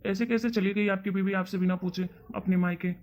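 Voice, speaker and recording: A man's voice: high-pitched, fairly even intonation, fairly quick, a little mellow. A man voicing a whiny young son and husband in a cartoon story. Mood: complaining. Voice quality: whining. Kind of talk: cartoon voice acting.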